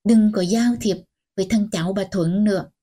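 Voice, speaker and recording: A woman's voice: medium pitch, steady tone, normal speed, close to an everyday voice. Scolding old grandmother, read by a woman. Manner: scolding, sharp and commanding. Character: stern old-fashioned grandmother, scolding and strict.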